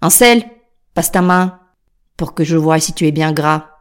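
A woman voicing a wicked, impatient old witch who barks loud scolding commands. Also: lowish voice, animated, normal speed, close to an everyday voice.

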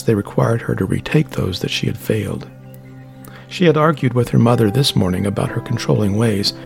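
Brief: male audiobook narrator, steady descriptive reading, gravelly, mid-pitched.

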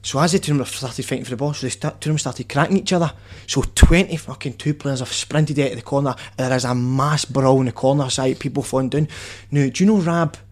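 A man with a west of Scotland accent telling casual stories in animated, sweary, matey banter. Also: mid-range voice, fast. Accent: Scottish, west central. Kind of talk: casual storytelling chat.

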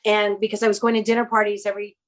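A woman's voice: mid-range voice, very fast, rough recording. A woman, a guest who acts and runs a clothing store, telling rambling anecdotes in a casual interview. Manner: animated, rambling anecdotes with quoted dialogue.

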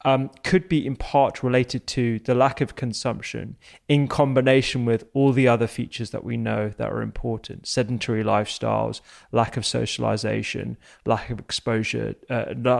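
Male doctor-host, gravelly and creaky, measured interviewer, mid pitch. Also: flat delivery. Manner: thoughtful, measured questioning. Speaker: podcast host and medical doctor. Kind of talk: conversational interview.

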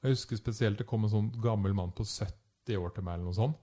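Casting: lower-voiced man, animated storyteller, acts out quotes. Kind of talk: casual storytelling chat.

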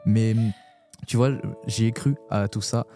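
A young man from France, a poet guest on a podcast, talking frankly and hesitantly in a casual conversation, with many pauses and restarts. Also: lowish voice, fairly even intonation, warm tone, faint music behind.

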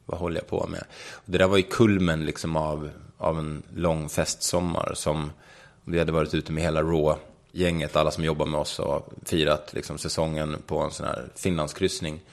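A man's voice: very deep voice, level tone, few pauses. A young man speaking frankly in an interview, retelling a personal story vividly and swearing casually. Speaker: guest.

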